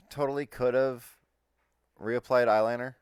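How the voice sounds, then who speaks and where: A man's voice: mid-range voice, fairly even intonation, slow pace, clear, resonant tone, no echo, clean studio sound. A man in casual chat over an online voice call, telling a rowdy story with laughs and swearing. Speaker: tabletop game player. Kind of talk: casual chat before a game session.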